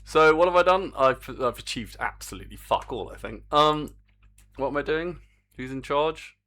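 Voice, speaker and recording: This game developer's voice is fairly high and sharp, with lively intonation at a normal speed. He rambles and pokes fun at himself as he codes on a casual live stream, talking to his viewers.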